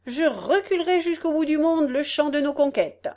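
A woman voicing a smug, greedy male election candidate who shouts grand promises in a storybook reading. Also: sits high, lively intonation, moderate pace, voice pushed up. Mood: grandiose.

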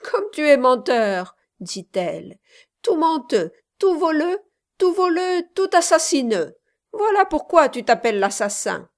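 Woman voicing a naive playful young girl, storybook, high singsong voice, teasing lilt. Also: very animated, slow.

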